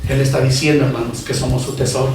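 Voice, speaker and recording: A man with a Mexican accent, a pastor preaching a fervent sermon that moves from quiet asides to shouted emphasis and questions to the congregation. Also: medium pitch, little pitch movement, fast, background noise. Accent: Mexican Spanish. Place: church hall. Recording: echoey room from far off.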